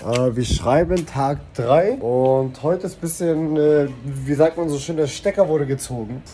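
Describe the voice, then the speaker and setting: A man in his mid-twenties hosting a casual vlog, talking to a handheld camera out on holiday streets, excitable and slangy. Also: fairly high pitch, slight background noise. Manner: excitable, slangy, quick banter. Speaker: vlogger host. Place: outdoor holiday streets and bars. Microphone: handheld camera at arm's length.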